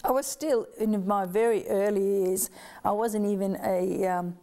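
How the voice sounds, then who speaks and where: Middle-aged woman interviewee from Yugoslavia; low gravelly voice, mellow tone, lively storyteller who acts out quotes. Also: a little slow. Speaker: guest.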